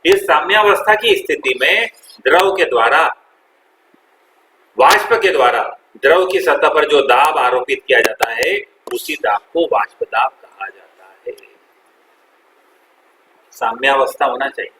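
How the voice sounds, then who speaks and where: A man's voice: fairly high pitch, a little slow, pauses often, bright, forceful tone, reverberant, a little hiss or hum, poor audio. A male chemistry teacher, lecturing a classroom and quizzing the students, repeating their answers and calling them "beta". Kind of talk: classroom lecture with call-and-response.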